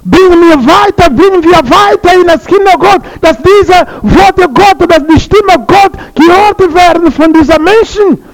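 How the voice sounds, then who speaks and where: High-voiced, gravelly male preacher. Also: a little slow, few pauses, low-quality recording. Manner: repeats phrases, asks the listeners questions. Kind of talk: sermon to a congregation.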